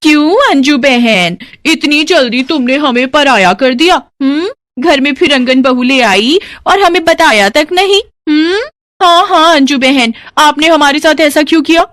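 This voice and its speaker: A woman voicing a nosy, mocking middle-aged neighbor woman who drawls slowly in a high voice. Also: fairly bright tone, dry recording.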